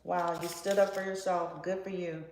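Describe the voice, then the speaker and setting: A woman's voice: lowish voice, little pitch movement, moderate pace. A woman giving a casual tarot reading in a blunt, profane, sassy way. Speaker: tarot card reader. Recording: roomy echo with faint background noise.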